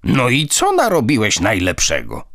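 A man voicing an indulgent old grandfather ghost, gently reproachful. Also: mid-range voice, huge pitch swings, moderate pace, dry recording, studio quality, voice pushed up.

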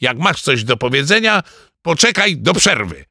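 A man voicing a tough, hot-tempered schoolboy bully with a gruff, menacing delivery. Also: a little high, sing-song, normal speed, sharp tone, dry recording, studio quality, pitched above the performer's own voice, exaggerated voice.

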